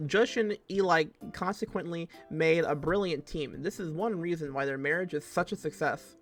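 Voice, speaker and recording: A man's voice: a little high, moderate pace, soft background music. A man streaming himself as he reads fan fiction aloud, breaking off for joking asides and laughing often.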